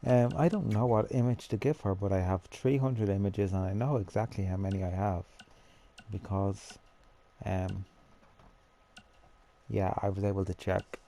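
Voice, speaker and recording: A man with a lowish, gravelly voice talks casually through a game, musing aloud and answering his own questions. His tone is dark and mellow. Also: steady tone, moderate pace, long pauses. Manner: chatty, thinks aloud, talks to himself. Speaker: gamer building a character. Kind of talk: casual gameplay commentary.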